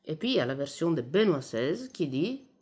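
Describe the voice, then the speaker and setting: A woman from Italy, a native Italian speaker with an Italian accent in French, giving informal spoken commentary in a halting way as she searches for words. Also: sits low, very animated, darkish tone, husky. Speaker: video commentator.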